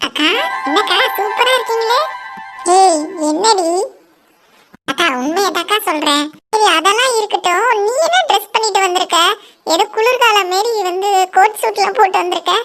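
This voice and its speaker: A woman's voice: very high-pitched, moderate pace, a bit bright, faint music behind. A woman voicing chatty village women gossiping and teasing at a family wedding in a cartoon. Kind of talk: cartoon voice acting.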